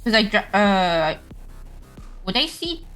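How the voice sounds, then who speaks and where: A woman's voice: mid-range voice, big pitch swings, slow pace, a bit bright. A woman chatting casually as a player in a tabletop game, thinking aloud in a tentative way. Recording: music behind the voice.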